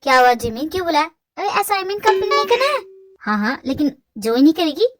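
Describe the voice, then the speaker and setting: A woman's voice: sits high, big pitch swings, fast, soft background music. A woman voicing a friendly, easygoing young male student in an amateur fan dub.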